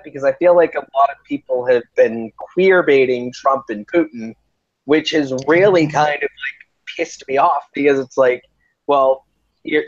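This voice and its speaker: Man host, halting, a bit tongue-tied; dry, muffled lo-fi recording. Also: on the high side, no echo. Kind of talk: casual conversation.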